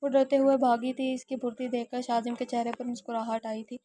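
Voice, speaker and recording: A woman reading a romance novel aloud as narrator in steady storytelling. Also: on the high side. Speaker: audiobook narrator.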